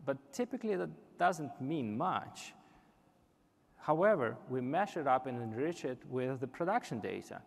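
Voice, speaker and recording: A young man presents a live product demo in a big indoor conference hall, earnestly explaining with a few restarts. His mid-range, creaky voice is very animated and moves at a moderate pace, echoing through the reverberant space.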